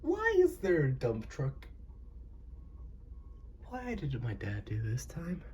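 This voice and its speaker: A young man with a Southern American accent, host of an animation channel, talks casually while drawing at home, rambling and joking to himself. His medium-pitched voice is husky and darkish, with huge pitch swings, and he takes it slowly.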